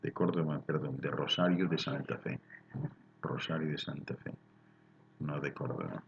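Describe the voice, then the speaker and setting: A man with a Spain Spanish accent hosting a live spiritual talk, reading out viewers' chat questions and answering them in a calm, explanatory way, often ending points with a questioning tag. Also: rumbling low, moderate pace, vocal fry, highs cut off, a little hiss or hum.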